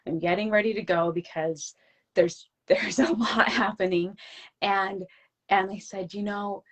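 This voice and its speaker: Earnest woman guest in her forties. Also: fairly low pitch. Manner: earnest, heartfelt, talks about faith. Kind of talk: casual interview chat.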